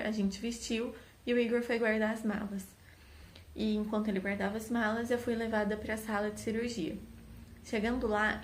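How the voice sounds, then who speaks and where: A woman's voice: medium pitch, darkish tone, a little hiss or hum. A young woman, casually telling a personal story to camera as a vlogger, candid and repeating words for emphasis. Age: young adult.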